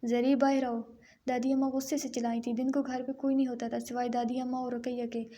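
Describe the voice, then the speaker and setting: A woman reads a romance novel aloud in a steady, even storytelling manner. Her voice is high but fairly flat, with a mellow, unforced tone. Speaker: audiobook narrator.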